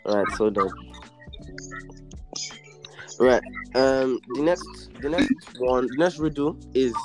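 A man's voice: mid-range voice, lively intonation, takes it slowly, over music. A man hosting a podcast quiz over a phone call, reading riddles with lots of hesitant fillers and teasing bickering. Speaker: podcast host, quizmaster. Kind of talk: casual group chat, reading riddles.

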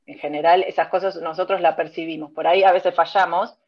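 Rioplatense woman researcher, explains slow and clear w examples, kinda muffled lo-fi audio. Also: on the low side, fairly even intonation. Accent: Rioplatense Spanish. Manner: patient, explains step by step with examples. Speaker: speech technology researcher. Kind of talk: explanatory interview talk. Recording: dull lo-fi sound.

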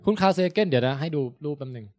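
Fast-talking man explaining science. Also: medium pitch, animated, a little mellow, no room sound, clean studio sound. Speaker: podcast host. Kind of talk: casual science chat.

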